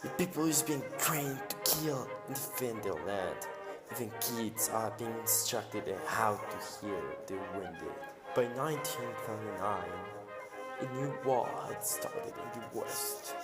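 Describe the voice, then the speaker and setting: Male old-newsreel narrator, low register, solemn announcer read, echoey hall, music bed. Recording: roomy long reverb over clear music.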